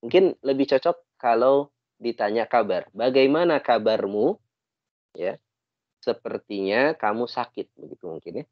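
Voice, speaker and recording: A man's voice: mid-range voice, lively intonation, unhurried, no echo, highs cut off. A man with an Indonesian accent teaching an online Arabic class, patiently correcting and translating phrases.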